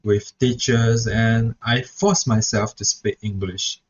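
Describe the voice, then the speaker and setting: A young adult student teacher who grew up speaking Mandarin reflects in a vlog, hesitant and full of "so yeah" restarts. His fairly low voice has fairly even intonation and a slow pace, captured in a dull lo-fi recording with a little hiss or hum.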